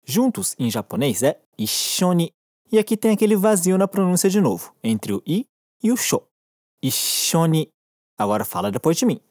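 Brazilian lady teacher, low voice but really lively, patient and cheering you on, dry close sound. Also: no room sound. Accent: Brazilian Portuguese. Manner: encouraging, patient, slows down to model phrases. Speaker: Japanese teacher. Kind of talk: recorded language lesson.

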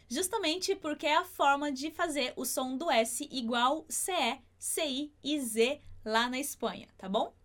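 A woman teaching Spanish pronunciation in an online lesson, explaining patiently and slowing down to demonstrate sounds. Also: high voice, fairly bright tone. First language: Portuguese.

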